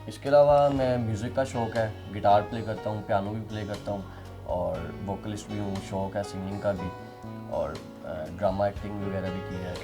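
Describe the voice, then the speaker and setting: A young man answering interview questions in an earnest, soft-spoken, slightly halting way. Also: on the low side, fairly even intonation, music in the background. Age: young adult. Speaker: interviewee, musician.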